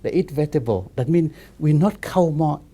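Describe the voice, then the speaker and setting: Monk in his fifties with a very dark voice. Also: fairly high pitch, expressive. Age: 50s. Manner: halting, repetitive non-native English with many restarts. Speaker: Buddhist monk. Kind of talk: relaxed spiritual discussion.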